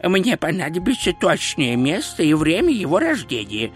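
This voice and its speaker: A man's voice: on the high side, wildly swooping pitch, normal speed, soft background music, pitched above the performer's own voice. A man voicing a nervous, fussy court astrologer in an audiobook, hesitant and pedantic. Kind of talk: audiobook character voice.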